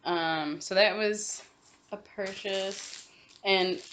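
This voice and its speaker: A woman's voice: mid-range voice, steady tone, very slow, fairly bright tone, a little hiss or hum. A young woman chatting casually in a cross-stitch vlog, rambling with many ums and self-corrections. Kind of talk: casual chat.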